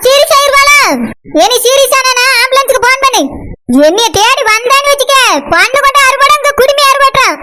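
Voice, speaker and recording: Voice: extremely high pitch, a little fast, very noisy. A performer voicing a domineering, scornful cartoon woman who threatens and mocks everyone in the house. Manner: scornful and mocking, full of threats.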